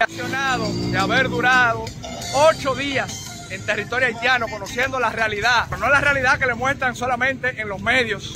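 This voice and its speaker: A man doing on-location travel vlog commentary, chatty and casual, outdoors at a border crossing. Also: sits high. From Dominican Republic. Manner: chatty, switching to broken French and English with locals. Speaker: travel vlogger. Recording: outdoor street noise.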